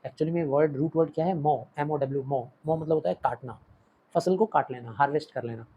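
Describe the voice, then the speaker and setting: A man's voice: a little high, a little fast, highs cut off, slight background noise. A man with an Indian English accent teaching a play, explaining it line by line and moving between Hindi and English. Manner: explains line by line, switching languages. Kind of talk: Hindi-English literature lesson.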